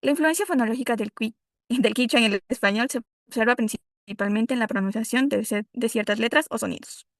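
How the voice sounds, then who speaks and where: A woman's voice: a little high, fairly quick, dry recording, clean studio sound. A woman from Ecuador giving a class presentation, explaining with examples and a few restarts. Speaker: student presenter.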